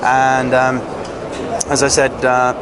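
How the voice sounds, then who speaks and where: A man giving an informal, technical product demonstration as a company representative, speaking haltingly with frequent pauses. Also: medium pitch, monotone, crowd noise. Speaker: company representative presenting products at a trade show. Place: busy trade show exhibition floor. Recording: loud trade show floor noise.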